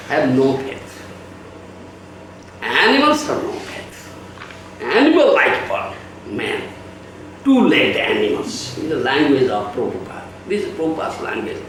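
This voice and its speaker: A man giving a sermon as a spiritual teacher, animated, keeps asking "huh?" and acting out quotes. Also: a little high, far from the mic. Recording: echoey room, voice from afar, faint hiss.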